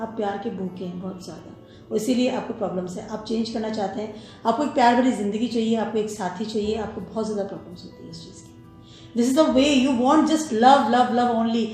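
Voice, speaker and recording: A woman gives a pick-a-card tarot reading, mixing Hindi and English and stopping often to check that the listener follows. Her voice sits a little high. The room is very echoey, and music plays behind her. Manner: mixes Hindi and English, warm advising tone with frequent "okay?" check-ins.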